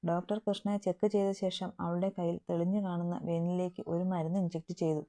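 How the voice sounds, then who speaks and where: A woman narrating a romantic family story in a steady, emotive reading. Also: lowish voice, a little fast. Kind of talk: scripted narration.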